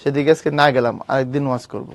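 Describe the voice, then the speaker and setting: A male teacher explains a literature text in a lively way, teasing and scolding his students directly. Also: medium pitch, racing, creaky, no echo. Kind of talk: online class lecture on a literature text.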